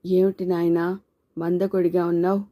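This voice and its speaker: A woman voicing an aging mother who is blunt, scolding and quick to anger, in an audiobook story. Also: on the low side, little pitch movement, mellow, close to an everyday voice. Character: aging mother, fierce and grieving widow-like matriarch.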